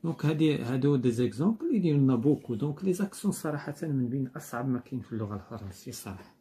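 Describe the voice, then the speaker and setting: Teaching a school lesson, a man with a Moroccan Arabic accent patiently repeats key points and reads examples slowly. His mid-range voice is warm and swings widely in pitch.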